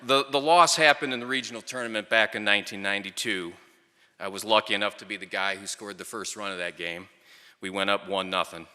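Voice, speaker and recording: A middle-aged man delivers a tribute speech as a wry storyteller. His voice is fairly low and strikingly bright and forceful. He speaks at a microphone in a big hall with long, ringing reverb. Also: fairly quick, clear, resonant tone. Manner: wry, storytelling with dry humour. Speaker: speaker at a ceremony, former player and coach. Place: large hall or venue, speaking to an audience at a microphone.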